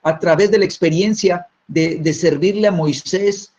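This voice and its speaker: A man's voice: high-pitched, normal speed, darkish tone, breathy edge. A man preaching a sermon, dropping tag questions after nearly every phrase and repeating words as he restarts. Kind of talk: sermon teaching. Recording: dull lo-fi recording.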